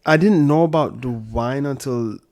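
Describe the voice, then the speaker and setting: A man's voice: mid-range voice, moderate pace, a little mellow. Casting: New man, interview guest, loose and profane storyteller with restarts. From Brooklyn, New York and Jamaica. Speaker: podcast guest, sommelier. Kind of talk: casual interview chat.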